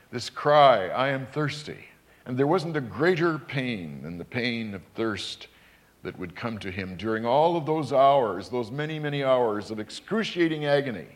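A man, a pastor, delivering a measured, emphatic sermon that rises in intensity. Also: medium pitch.

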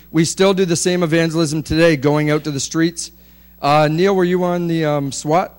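A man's voice: fairly high pitch, clear, resonant tone. A man presenting a ministry's work from slides to a congregation, joking and using many fillers. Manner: joking, filler-heavy, chatty.

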